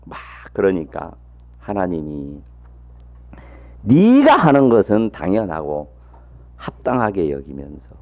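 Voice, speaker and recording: A man preaching a sermon as a missionary, telling the story in a lively, folksy way and asking his congregation rhetorical questions. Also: medium pitch, gravelly. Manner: folksy, humorous asides.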